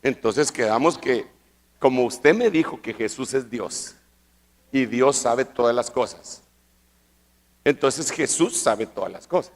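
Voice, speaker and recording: A man's voice: medium pitch, animated. Fiery male preacher in a reverberant hall. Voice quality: rises to loud, drawn-out shouting for emphasis. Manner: argues with rhetorical questions and repetition. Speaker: apostle preaching at a church convention. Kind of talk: sermon. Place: large church convention hall. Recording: long reverb of a large hall.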